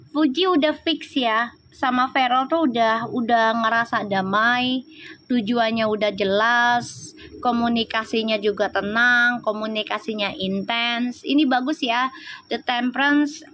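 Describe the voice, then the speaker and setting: A woman's voice: a little high, fairly bright tone, slight background noise. A woman giving a chatty live-stream tarot reading, reassuring viewers and adding affectionate, preachy asides. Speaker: tarot reader.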